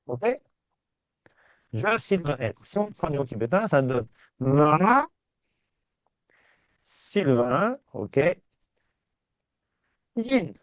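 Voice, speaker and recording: A man teaching a language class, reassuring his students and repeating words slowly. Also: mid-range voice, creaky, dry recording. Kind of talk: patient step-by-step class. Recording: dull, dry sound.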